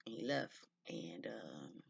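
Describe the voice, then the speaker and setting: A thirties-aged male vlogger with a low, breathy, vocal-fry voice recounts a personal story slowly but very animatedly, peppering his chatty speech with "like" and "y'all." The recording is dull, lo-fi and dry, with no room sound.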